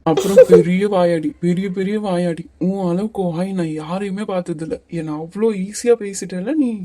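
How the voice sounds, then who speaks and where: A woman voicing a calm, teasing young male hero in a cartoon series. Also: on the low side, moderate pace, no echo, close to an everyday voice. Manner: teasing, patient, a little bossy. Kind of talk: Tamil cartoon series voice acting.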